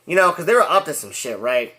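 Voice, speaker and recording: A man talks through a movie review in a loose, rambling way, restarting sentences and piling on fillers. His voice sits a little high for a man. He gets animated and laughs at his own jokes. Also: quick pace. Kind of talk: casual spoken review.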